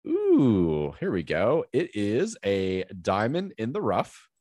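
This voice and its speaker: Croaky, froggy low-voiced American man. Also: huge pitch swings, slow, warm tone, dry recording, clean studio sound. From southeastern United States. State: sniffly with a cold. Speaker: podcast host. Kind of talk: casual film podcast chat.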